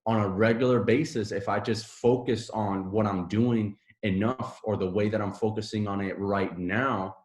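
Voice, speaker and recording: A man's voice: lowish voice, fairly even intonation, normal speed, hardly any pauses, echoey room. A man from Puerto Rico whose first language is Spanish, a podcast guest talking casually with many fillers and restarts. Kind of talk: casual conversation.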